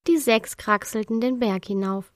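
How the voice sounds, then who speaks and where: Woman reading a kids story, kinda high voice, dry close mic. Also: moderate pace, dry recording. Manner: calm, storytelling. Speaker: narrator.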